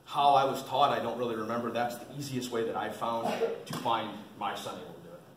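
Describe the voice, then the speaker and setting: This seasoned waterfowl hunter talks fast and steadily at medium pitch while leading an informal instructional seminar indoors at a museum. He is folksy and plain-spoken and repeats himself to drive points home. The recording is roomy and distant, with faint noise.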